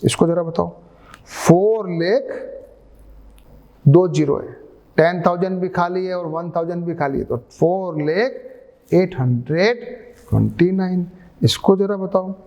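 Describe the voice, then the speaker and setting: A man's voice: high-pitched, slow, pauses often, mellow, muffled recording. A man teaching a maths lesson, explaining step by step and putting questions to his students.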